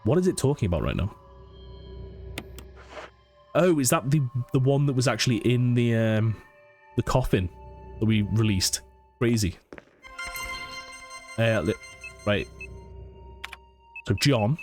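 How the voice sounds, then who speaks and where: Sniffly from a cold, a gamer with a darkish mid-range voice gives an animated, chatty commentary on a horror game. He thinks out loud and reads the in-game notes slowly, while faint music from the game plays in the background.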